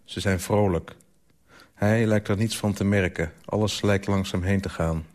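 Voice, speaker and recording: An author reading his own literary story aloud for radio, in a calm, measured way. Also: fairly low pitch.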